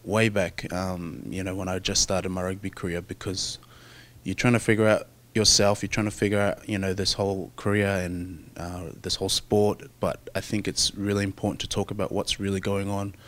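Man, young adult, Australian accent, low voice, flat even delivery, hesitant, thoughtful, interview answers. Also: moderate pace. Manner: soft-spoken, thoughtful, hesitant with many fillers. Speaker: rugby player.

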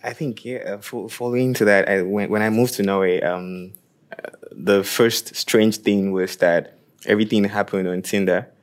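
A man in his late twenties, from Nigeria, speaking on a panel and telling stories in an animated way with laughter. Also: fairly low pitch, normal speed. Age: 20s. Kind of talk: panel discussion.

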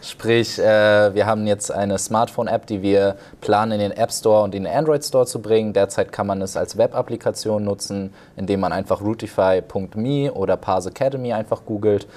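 Low, mellow-voiced startup founder. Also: male voice, fairly even intonation, normal speed, hardly any pauses. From Germany. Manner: earnest and explanatory. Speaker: startup founder, interview guest. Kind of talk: interview answers.

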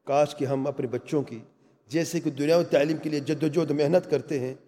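A man's voice: on the high side, fairly even intonation, warm tone. A man giving an earnest religious talk on family life, speaking emphatically and asking his listeners rhetorical questions. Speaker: Islamic lecturer. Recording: long reverb of a large hall.

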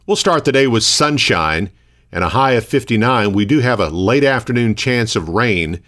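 Male local radio news host, lowish pitch, measured formal announcer read. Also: fairly bright tone.

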